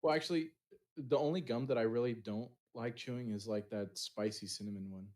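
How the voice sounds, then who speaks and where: A man's voice: mid-range voice, brisk, a little mellow. A young man in a casual podcast chat, talking hesitantly and restarting his sentences.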